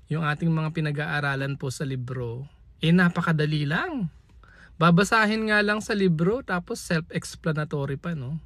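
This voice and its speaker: High-voiced Filipino man teaching casually. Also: fairly bright tone, no room sound. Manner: chatty, folksy asides, reads a textbook aloud. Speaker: medical lecturer. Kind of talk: casual lesson in mixed Tagalog and English.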